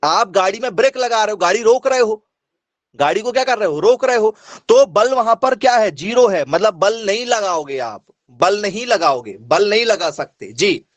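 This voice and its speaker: A male teacher with a fairly high voice runs an online class, repeating each point and firing questions at his students. His voice is recorded dry and close, with no room echo. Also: expressive, moderate pace. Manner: repetitive, quizzing students, asks for yes or no replies.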